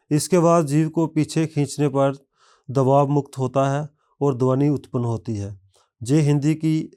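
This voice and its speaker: A man narrating a scripted language lesson, reading word lists one by one in a measured way. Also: mid-range voice, warm tone. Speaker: language teacher.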